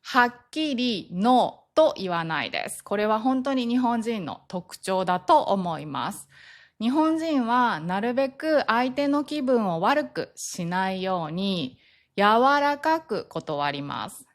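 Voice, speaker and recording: A young woman teaching Japanese in a slow, clear lesson, acting out example phrases with lively shifts in tone. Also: medium pitch.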